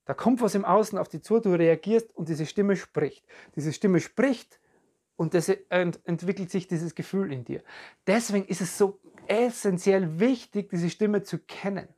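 Calm and reflective, a podcast coach offers a self-help talk aimed at the listener, frequently hunting for words and repeating phrases. The voice sits in the mid range at a measured pace, recorded for podcast and video.

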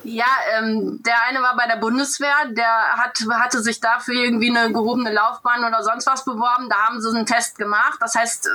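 A woman's voice: fairly high pitch, level tone, fairly quick, few pauses, bright, forceful tone. A woman being interviewed, telling a personal story hesitantly and retelling conversations as quoted dialogue. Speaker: interview guest.

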